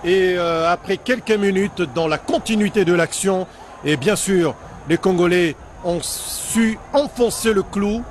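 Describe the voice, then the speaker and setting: A male football commentator with a high voice delivers the match slowly. He hesitates often between short phrases, with clear noise behind him.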